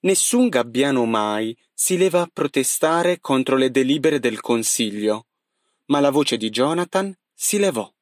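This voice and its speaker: A man reads a book passage aloud in a steady, earnest storytelling voice. His pitch sits in a middle range, and the sound is close and very dry. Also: measured pace, no echo. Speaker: reader.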